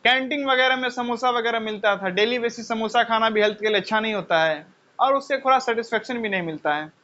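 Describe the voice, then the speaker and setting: Male teacher, high and bright, chatty lecture, muffled lo-fi recording. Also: fast. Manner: conversational, rhetorical questions, repeats phrases. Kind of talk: lecture with personal stories. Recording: dull lo-fi sound.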